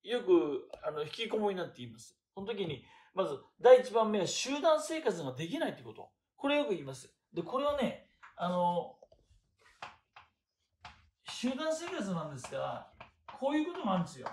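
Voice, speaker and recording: Older man, casual lecture, high lively voice, rhetorical asides, echoey room. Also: normal speed, a little hiss or hum. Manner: chatty, rhetorical questions, many fillers. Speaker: lecturer on classical texts. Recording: roomy echo.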